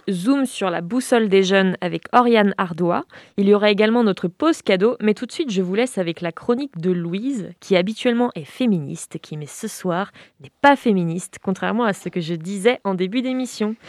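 A woman hosting a radio show, lively and friendly as she thanks guests and announces segments. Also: medium pitch, normal speed, no echo. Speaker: radio host.

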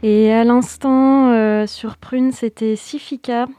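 Woman radio host, slow and halting with fillers, slightly high voice, faint music behind. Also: steady tone, warm tone, no echo. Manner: hesitant, many fillers. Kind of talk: live radio presenting.

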